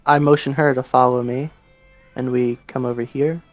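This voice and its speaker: A man playing a tabletop game, chatting casually as he describes his actions and haltingly thinks out loud. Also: mid-range voice, little pitch movement, dry recording, faint music behind.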